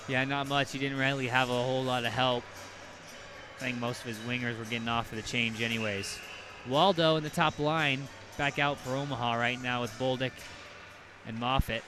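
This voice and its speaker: A man's voice: medium pitch, fairly even intonation, music in the background. Man calling hockey play-by-play. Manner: rapid calls that surge loud on goals. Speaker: play-by-play announcer.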